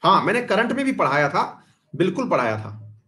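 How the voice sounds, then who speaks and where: A man teaching a live online history class, chatty and often addressing his students warmly, mixing English terms into his talk. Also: sits high, big pitch swings, moderate pace. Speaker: exam-prep teacher.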